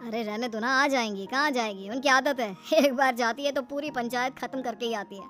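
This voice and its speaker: A woman's voice: fairly high pitch, brisk, a bit bright, soft background music, natural voice. A woman voicing an easygoing young adult son in a cartoon, with a casual, dismissive manner. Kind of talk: cartoon voice acting.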